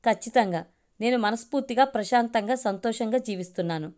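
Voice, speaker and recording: A woman's voice: on the high side, a little fast, a little mellow, natural voice. A woman voicing a grown daughter who speaks firmly and earnestly in a storybook reading. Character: grown daughter, calm, firm, self-reliant.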